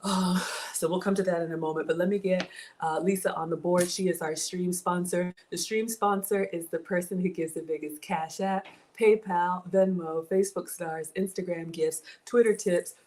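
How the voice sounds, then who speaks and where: This cooking livestream host, born in Ghana and brought up in the American South, chats warmly with her audience from her home kitchen, reading their comments aloud, saying "y'all," and thanking supporters. She speaks in a lowish, steady voice at a moderate pace.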